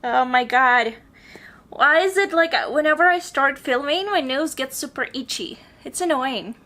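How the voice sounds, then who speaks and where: A young woman with a high, bright voice talks through her recent reads in a casual vlog. She is chatty and enthusiastic, and she grew up in Bulgaria. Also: normal speed. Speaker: book reviewer. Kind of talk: casual book review vlog.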